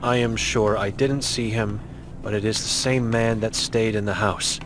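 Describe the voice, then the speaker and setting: A man's voice: lowish voice, steady tone, measured pace, noisy background, natural voice. A man voicing an old blind mute woman in a game, grim and guilt-ridden, speaking in terse, broken phrases.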